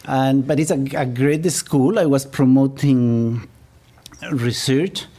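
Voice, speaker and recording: A middle-aged business professor from Ecuador, a native Spanish speaker with an Ecuadorian accent, gives a public lecture full of self-deprecating humor, chuckling at his own jokes. His voice is mid-range, steady, slow and dark in tone.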